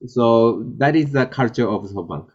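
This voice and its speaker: A man's voice: medium pitch, animated, darkish tone, husky. Hesitant Japanese-born man, lo-fi interview. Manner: halting, many fillers and restarts. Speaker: guest, tech executive. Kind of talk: interview answers. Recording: dull lo-fi sound.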